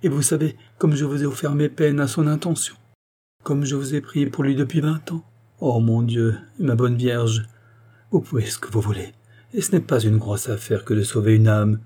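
A man's voice: on the low side, moderate pace, warm tone, breathy edge. A man reading an audiobook voices a tearful, devout old housekeeper who pleads through sobs. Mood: imploring. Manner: pleading and sobbing.

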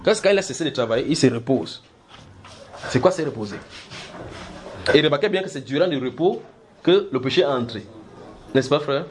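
A man's voice: mid-range voice, a little fast, pauses often. French-speaking man preaching with faint noise. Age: adult. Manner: questioning, repeats words, animated. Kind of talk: Bible teaching with questions to listeners.

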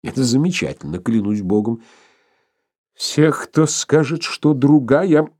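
Brief: imperious old professor, acted by a male reader, formal and ironic, husky voice, lively pitch. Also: a little slow, no room sound, clean studio sound. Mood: ironic, measured.

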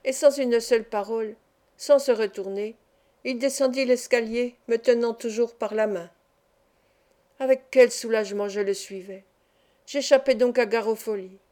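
A woman narrating a classic novel in the first person in a calm, measured way. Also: fairly high pitch. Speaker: audiobook reader. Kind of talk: literary audiobook narration.

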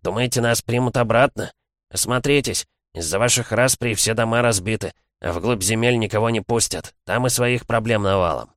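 A man voicing a calm, scornful male warrior who speaks with quiet mockery in an audiobook. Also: on the low side, normal speed, no echo, clean studio sound, voice pushed up, lightly acted. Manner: calm, scornful, lightly mocking.

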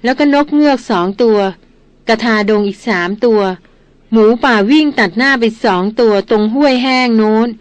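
A woman's voice: a little high, moderate pace, no echo, close to an everyday voice. Casual: woman doing a headstrong rich girl, snippy and indignant, storybook reading, dry sound. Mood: cheerful. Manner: indignant complaining. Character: headstrong young noblewoman, proud and sharp-tongued.

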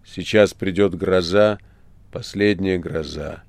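Мужчина озвучивает надменного древнего князя тьмы — медленно, презрительно и размеренно, в аудиокниге. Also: male voice, deep voice, a little mellow, no echo. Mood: measured. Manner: slow, scornful, measured. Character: haughty ancient male prince of darkness. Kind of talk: audiobook reading.

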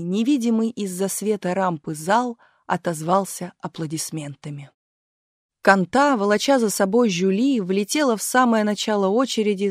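A woman reads an audiobook in a measured, expressive style. Her pitch is medium, and the recording is dry and studio quality.

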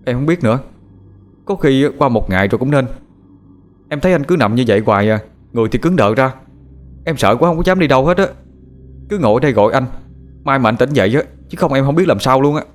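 A man's voice: expressive, fast talker, pauses often, natural voice. A man voicing a frightened younger brother who pleads and wails in a raised voice. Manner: high, wailing and pleading. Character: young man, scared crying little brother.

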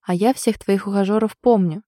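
A woman's voice: medium pitch, steady tone, fairly quick, mellow, no room sound, clean studio sound, natural voice. A woman voicing a sly joking ex-soldier man. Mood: teasing. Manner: mocking, playful.

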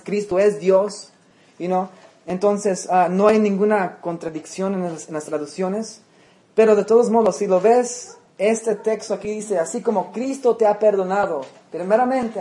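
A man's voice: sits high, a little mellow. A male pastor preaching a sermon in a conversational way, often checking in with his listeners and dropping in English words. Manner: conversational preaching with frequent check-ins to the congregation; mixes English words into Spanish.

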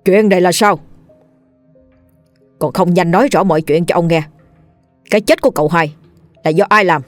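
A woman's voice: fairly low pitch, normal speed, dry recording, faint music behind, natural voice. A woman voicing a stern older male landowner who barks orders and questions in a ghost story reading. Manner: commanding, barking orders.

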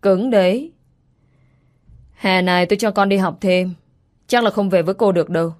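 A woman's voice: medium pitch, moderate pace, a little mellow, lightly acted. A woman voicing a smug, mocking ex-husband. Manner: sneering, mocking.

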